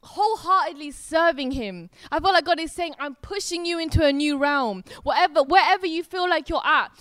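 A woman's voice: high-pitched, brisk, fairly bright tone, no room sound, clean studio sound. A woman giving an earnest, informal sermon, talking conversationally with many fillers. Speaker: worship speaker. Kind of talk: informal preaching.

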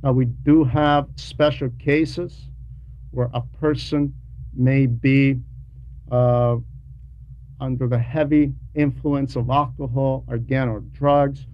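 The speaker is a religious teacher reading a translated homily to students, his mid-range voice holding a steady tone. His didactic delivery is deliberate, with pauses between short phrases, emphatic repetition, and rhetorical questions. It's captured on a dull lo-fi recording carrying faint noise.

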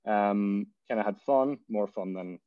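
A man's voice: lowish voice, measured pace, no echo, phone-quality sound. A man with a Donegal, west of Ireland accent talking casually as an interview guest, rambling as he thinks aloud. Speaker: interview guest, tech business founder. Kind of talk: casual interview talk about work and life.

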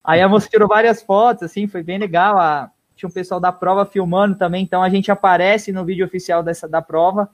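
High-voiced man telling a story. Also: fast, few pauses. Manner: animated storyteller, swears casually, trails off softly. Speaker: guest runner. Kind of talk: casual storytelling interview.

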